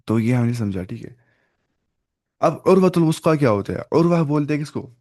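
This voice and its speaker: With an animated, darkish medium-pitched voice, a man leads an Urdu Quran lesson. He unpacks word meanings gradually, answers his own questions, uses some English words, and recites Arabic slowly.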